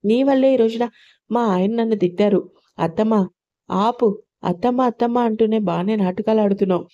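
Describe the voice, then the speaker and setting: A woman's voice: fairly high pitch, brisk, lightly acted. A woman doing a bitter accusing mother-in-law. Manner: accusing, sharp rebukes. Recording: dull lo-fi recording.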